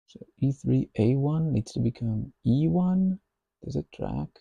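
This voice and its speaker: A man thinking aloud while he codes, musing slowly and half to himself. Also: medium pitch, expressive, gravelly, dark tone, slightly rough, dry recording, highs cut off. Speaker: software developer.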